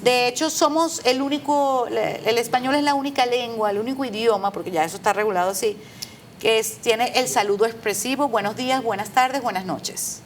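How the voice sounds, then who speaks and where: A woman's voice: fairly high pitch, brisk. A middle-aged woman, a Spanish teacher, patiently explaining spelling rules with examples in an interview. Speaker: Spanish teacher and proofreader, guest. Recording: faint background noise.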